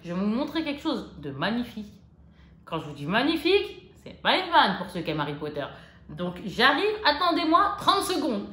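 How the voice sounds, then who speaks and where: Casting note: French woman haul vlogger, bouncy pitch, chatty, roomy sound. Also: fairly quick. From France. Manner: chatty, excitable, joking asides. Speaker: vlogger showing a shopping haul. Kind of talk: casual chat to camera. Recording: echoey room with faint noise.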